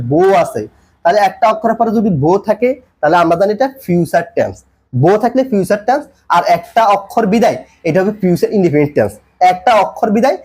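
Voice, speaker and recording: A man's voice: high-pitched, a little mellow, husky. A man teaching English grammar in a tutorial lesson, repeating points and quizzing the viewer with questions as he explains.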